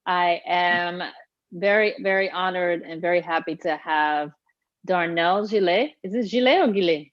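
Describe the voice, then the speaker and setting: Brief: lower-pitched woman coach hosting a live chat, dull lo-fi audio. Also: steady tone, measured pace, dry recording. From Haiti. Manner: chatty, laughs often, many fillers. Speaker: fitness coach and host. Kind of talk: casual live-stream interview.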